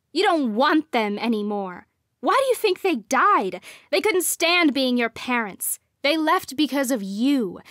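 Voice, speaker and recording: A sneering female doppelganger taunts her double in an audiobook, played by a woman narrator. The voice sits fairly high, and the delivery is slow and deliberate, with some words hissed. The sound is dry and close. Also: no echo.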